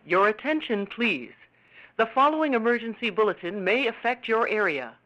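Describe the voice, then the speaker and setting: A voice giving a formal, measured emergency bulletin announcement, played over a PA-like broadcast speaker. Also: mid-range voice, expressive, sharp tone. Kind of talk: scripted alert announcement. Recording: dull lo-fi broadcast sound.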